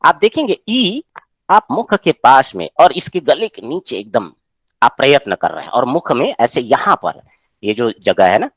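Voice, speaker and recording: A man's voice: mid-range voice, dry recording. A man teaching a Sanskrit class online, explaining patiently and often checking with his students.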